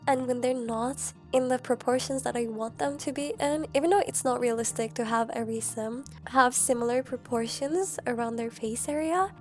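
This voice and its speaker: A woman's voice: on the high side, moderate pace, few pauses. A young woman with a cold and a stuffy, nasal voice, chatting casually and rambling in a self-mocking, slangy way as she narrates her gameplay. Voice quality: nasal, congested. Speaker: Sims content creator. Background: faint background music.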